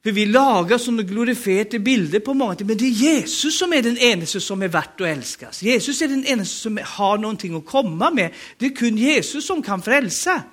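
A man's voice: high voice, lively intonation, few pauses, fairly bright tone. A man with a Norwegian accent preaching a sermon, emphatic and urging the congregation to respond.

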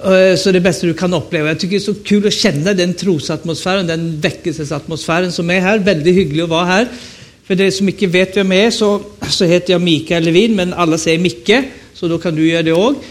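A man's voice: high-pitched, steady tone. A man in his fifties with a Stockholm Swedish accent, an evangelist preaching a chatty, joking sermon at a revival meeting and often asking the audience questions. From Sweden. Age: 50s.

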